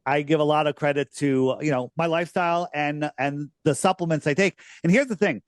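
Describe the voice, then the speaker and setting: Host, man in his 60s, slightly high, dry close mic, emphatic chat. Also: dry recording. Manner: emphatic and conversational, drawn-out stresses. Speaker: podcast host. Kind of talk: casual podcast chat.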